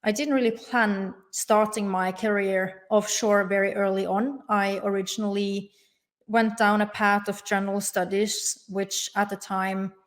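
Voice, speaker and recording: Woman from norway, young adult, formal careful answers, middle pitch. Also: little pitch movement. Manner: measured and formal, with careful connectives. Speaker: guest. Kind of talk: interview answers.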